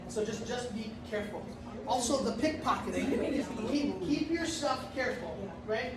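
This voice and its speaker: Over a loud crowd, a middle-aged pastor briefs his group about an upcoming trip in a very high, animated voice at a moderate pace. He's a talkative storyteller who keeps restarting, heard from far off in a noisy, echoing room.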